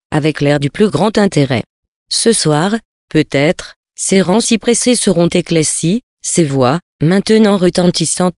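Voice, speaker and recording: A man's voice: a little high, darkish tone, no echo, studio quality. Man reading a sea story aloud. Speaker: reader.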